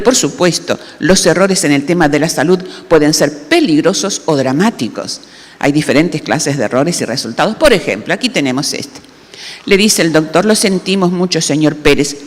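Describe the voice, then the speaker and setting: Woman giving a church health talk, voice swings up and down a lot, long echo from the church hall. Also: low voice. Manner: lively, asks the audience rhetorical questions. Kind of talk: sermon-style health talk to a congregation.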